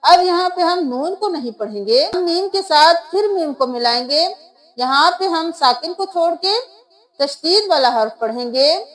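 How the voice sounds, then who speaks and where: Slow, high-voiced woman teaching recitation. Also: lively intonation, low-quality recording. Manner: slow, spelling out letters and sounds one by one. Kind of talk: step-by-step tajweed lesson.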